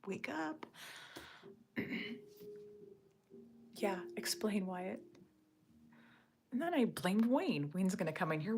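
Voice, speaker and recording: Hosting a casual morning livestream from home while others are asleep, a woman reads the chat in a hushed, gravelly half-whisper, rambling and joking. Her voice is on the high side, the background is noisy, and she's recorded on a phone or camera on a tripod.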